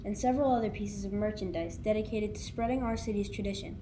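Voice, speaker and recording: A woman's voice: mid-range voice, steady tone, fast talker, background noise. A woman from Pittsburgh reading a scripted documentary narration as a reporter. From Pittsburgh, United States.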